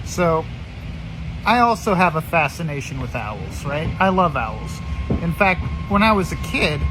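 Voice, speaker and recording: A man delivers a rambling, profane, scornful rant in a halting way, repeating words as he goes. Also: big pitch swings, over music, poor audio. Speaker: solo ranter recording himself. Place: riding on a commuter train. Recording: loud train rumble and vehicle noise. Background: train noise and station announcements.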